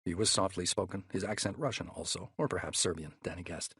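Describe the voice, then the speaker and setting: Guy reading a thriller audiobook, husky low voice, dry close mic. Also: fast talker, a bit bright, no room sound. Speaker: audiobook narrator. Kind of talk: scripted thriller narration.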